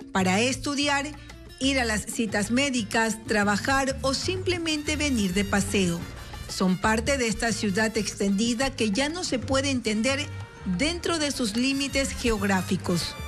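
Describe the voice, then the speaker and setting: News voice-over, a woman with a slightly high voice, measured read, music bed underneath. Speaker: news reporter. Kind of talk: scripted news narration.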